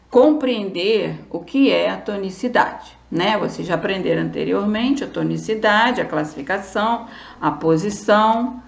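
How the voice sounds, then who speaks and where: A woman with a medium-pitched, creaky voice gives a primary school grammar lesson in a remote class. She is patient and checks understanding as she goes. The recording is roomy, dull and lo-fi.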